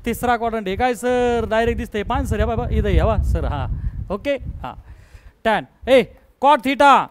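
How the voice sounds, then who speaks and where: A male math teacher with a Marathi accent lectures a classroom, pressing students to answer and repeatedly asking if they understand. His voice sits very high. The recording carries clear background noise from the room. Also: animated, normal speed. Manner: coaxing, repeatedly checks understanding.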